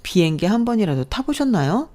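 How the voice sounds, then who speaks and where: A woman's voice: mid-range voice, very animated, fairly quick, a little mellow, voice pushed up. A woman voicing a snobbish, sneering sister-in-law in a storybook narration, with a mocking, condescending manner. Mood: snooty.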